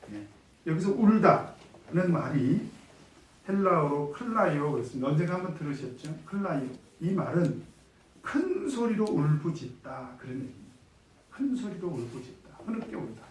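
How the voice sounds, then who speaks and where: A man's voice: fairly high pitch, a little hiss or hum. Man teaching a Bible study in an echoey room. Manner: asks the group questions and answers them himself, acts out quoted speech. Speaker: pastor leading a Bible study. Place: church room. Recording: echoey room, mic at a distance.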